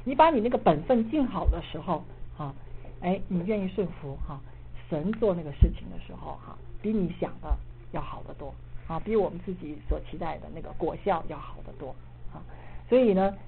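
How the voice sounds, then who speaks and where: A middle-aged woman, an assistant pastor, preaching and telling a personal story in a lively way, dotting her speech with filler particles. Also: lowish voice, fairly quick. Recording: muffled phone-like audio with faint noise.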